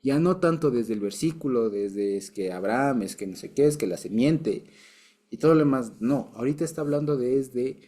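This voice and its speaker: Guy leading a bible study, warm low-key voice, chuckles and restarts as he explains. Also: expressive, moderate pace. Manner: explains patiently, with frequent restarts and light chuckles. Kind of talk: casual Bible lesson.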